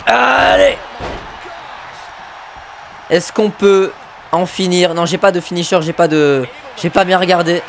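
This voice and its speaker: Male gamer, high voice, excitable play-by-play, shouts at big moves, mutters asides. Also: normal speed, slight background noise. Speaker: gamer commentating his own wrestling video game match.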